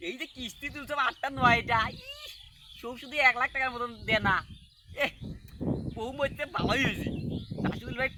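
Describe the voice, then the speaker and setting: A man playing a comic village husband who loudly fake-mourns his wife, speaking a with a sing-song lament. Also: very high-pitched, moderate pace, background noise. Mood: gleeful. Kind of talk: comedy skit acting.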